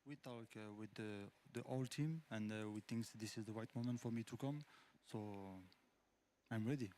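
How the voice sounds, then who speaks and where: A man's voice: medium pitch, moderate pace, mellow. A man, a professional fighting game player, giving short, hesitant interview answers with fillers.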